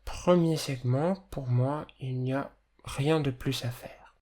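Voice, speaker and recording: A person with a slight lisp and hissy, slushy s sounds, explaining audio editing as a tutor in a measured, careful way. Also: medium pitch, dark tone. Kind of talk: instructional screencast narration, explanatory.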